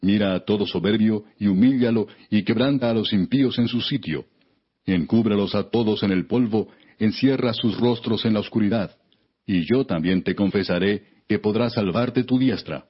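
Husky, low-voiced man reading scripture solemnly. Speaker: narrator of an audio Bible. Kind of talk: solemn scripted biblical narration. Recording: dull, lo-fi audio.

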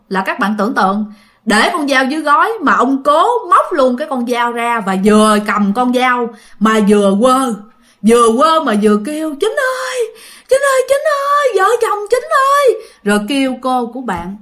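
A woman's voice: on the high side, a bit bright. Chatty storyteller woman. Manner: chatty, addresses listeners directly. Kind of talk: casual narration of ghost stories.

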